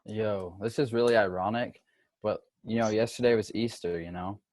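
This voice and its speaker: A man's voice: on the low side, moderate pace, darkish tone, no room sound. A man with a Minnesotan accent telling stories in a laid-back, slangy way on a casual podcast.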